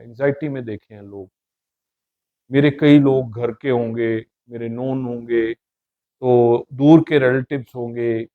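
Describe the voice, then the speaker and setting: On a muffled recording, a middle-aged man with a medium-pitched voice appears as a podcast guest in a casual interview. He shares his views earnestly and reflectively.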